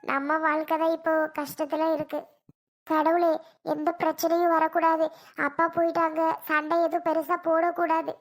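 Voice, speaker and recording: A woman's voice: extremely high pitch, level tone, normal speed. A woman voicing an anxious young mother who frets aloud in a cartoon serial. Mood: worried. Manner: fretful, musing aloud.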